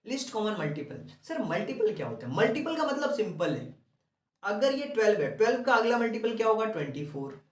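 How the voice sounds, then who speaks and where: A man's voice: high voice, big pitch swings, brisk, echoey room, distant mic. A man teaching a maths lesson, asking the class questions and answering them himself.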